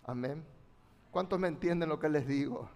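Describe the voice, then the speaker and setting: A man's voice: a little high, moderate pace, darkish tone. A man preaching a fervent sermon, speaking directly to his congregation and calling for their responses. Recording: long reverb of a large hall.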